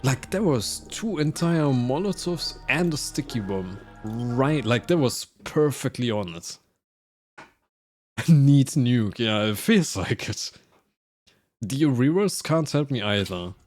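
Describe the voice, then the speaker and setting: A man commentating live on his own gameplay in a casual, animated way, swearing and laughing at his mishaps. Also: mid-range voice, slow, faint music behind. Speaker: streamer playing a game.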